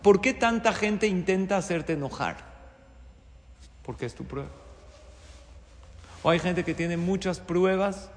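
A man's voice: high voice, a little slow, pauses often. A man giving a Torah-based moral teaching, driving his points home with rhetorical questions and repetition. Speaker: religious teacher. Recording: long reverb.

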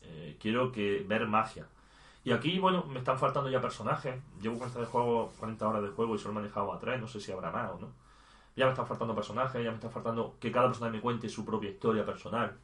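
A man's voice: on the low side, fast, a bit bright. A man chatting casually about video games, thinking aloud and restarting his sentences.

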